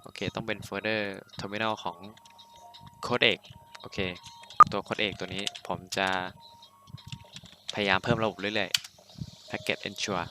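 A young man casually walking through a programming tutorial, talking loosely with lots of fillers and quick self-corrections. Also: lowish voice, flat delivery, very noisy. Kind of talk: casual screen-recorded coding tutorial.

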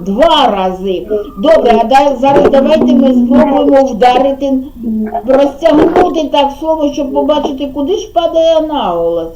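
A woman teaching a preschool class, with a gentle, drawn-out sing-song manner and a Ukrainian accent. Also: sits high, animated, very noisy. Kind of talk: preschool lesson with children. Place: kindergarten classroom.

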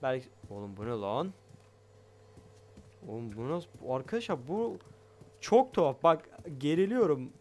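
A man giving excitable let's play commentary on a game, loud and jumpy, swearing often and talking straight to his viewers. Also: mid-range voice, a little slow, pauses often. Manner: loud, shouts a lot. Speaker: gaming YouTuber.

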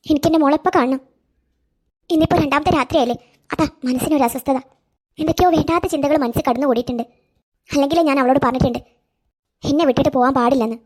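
Lady doing an old granny in a cartoon, slow, soft and worried. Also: sits high, close to an everyday voice. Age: older. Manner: slow, doting, fretful. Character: doting anxious old grandmother.

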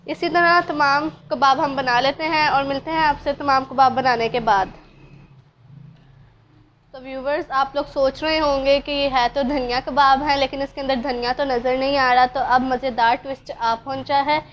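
A woman with a Pakistani Urdu accent narrates a home recipe step by step, talking straight to her viewers. Her voice sits high and her manner stays calm and instructive. The recording is slightly muffled, with a faint hum of the room behind her. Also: moderate pace. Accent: Urdu-speaking Pakistani. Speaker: cooking channel host. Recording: dull lo-fi sound, faint room ambience.

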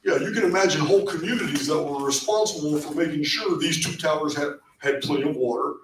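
A middle-aged man presents at a small meetup, giving a casual lecture in a meeting room with a projector screen. His voice sits on the high side and moves quickly, animated, with repeated words and many restarted phrases. It's picked up by a far camera at the back, so the room sounds echoey and distant with slight background noise.

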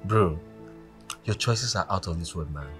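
A wealthy, self-assured Nigerian man in a film drama. His voice is low, and faint music runs behind it. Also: lively intonation, moderate pace, fairly bright tone. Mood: teasing.

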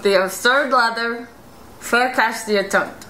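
A woman's voice: a little high, measured pace, bright, forceful tone. A woman in her twenties reading phrases with her lips stretched wide by a mouth guard, so her words come out slurred. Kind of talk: casual challenge video, reading nonsense phrases. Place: small indoor room at a table. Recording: echoey home room, faint noise.

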